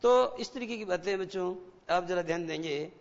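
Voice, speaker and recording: A man with a high voice gives a classroom lecture to schoolchildren. He explains slowly and keeps asking them rhetorical questions. His voice rings with a long, hall-like reverb, and the broadcast sound is dull and lo-fi. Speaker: English teacher.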